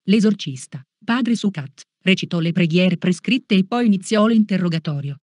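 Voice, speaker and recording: Catechist, read-aloud religious lesson, measured and solemn, mid-pitched, dry close sound. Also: animated, darkish tone, dry recording. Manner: slow, measured, solemn reading.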